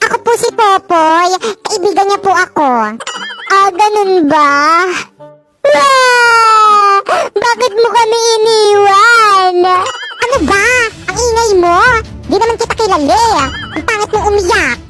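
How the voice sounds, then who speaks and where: Very high squeaky cartoon-skit voice. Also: lively intonation, moderate pace. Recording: music playing clearly behind the voice.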